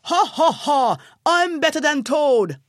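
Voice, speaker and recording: A woman reading aloud, doing a cocky storybook donkey who brays his boasts in a high, loud, lively voice. He crows about being the fastest. The voice sits close and dry. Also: no room sound. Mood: boastful. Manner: braying, bragging, raised voice. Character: boastful proud male donkey racer.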